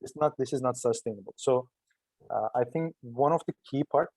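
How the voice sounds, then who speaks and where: A man with a Turkish accent answers interview questions in an explanatory way, often repeating and rewording. His tone is dark and relaxed at a middle pitch. The sound is very dry. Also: normal speed, breathy edge, no echo, poor audio. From Turkey. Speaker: startup entrepreneur being interviewed.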